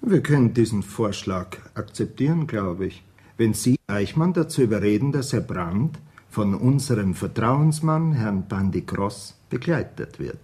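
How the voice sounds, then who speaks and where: A cautious intelligence officer bargains in a radio drama. His voice is low, dark and husky, and he speaks in a hesitant, calculating way. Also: lively intonation, a little slow. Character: cautious middle-aged male intelligence officer.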